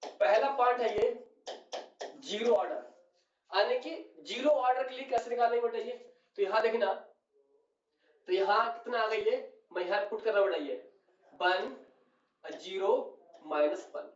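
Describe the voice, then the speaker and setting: A man's voice: sits high, moderate pace, long pauses, far from the mic. A male chemistry teacher, explaining a lecture at the board and checking again and again that his students follow. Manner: addresses students as "beta", keeps asking "clear?". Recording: echoey room, voice off-mic, dull sound.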